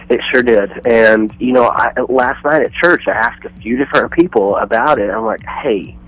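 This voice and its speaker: A man's voice: mid-range voice, a little slow, fairly bright tone, no echo, poor audio. A man calling in over the phone as a touring musician guest, rambling through stories and acting out what people said to him. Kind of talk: casual radio phone interview.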